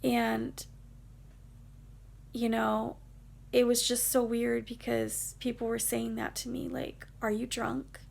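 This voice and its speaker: A woman's voice: fairly high pitch, monotone, slow pace, vocal fry, long pauses, darkish tone. A woman vlogger telling a personal story in a casual, rambling, emotional way, with many fillers.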